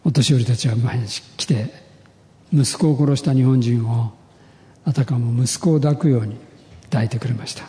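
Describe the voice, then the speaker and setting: A man gives a heartfelt sermon testimony in a mellow, darker voice. He tells his story in a measured, earnest way, and his words ring out with a long echo through a church hall. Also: medium pitch. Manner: earnest, measured storytelling with rising emotional emphasis. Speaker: pastor.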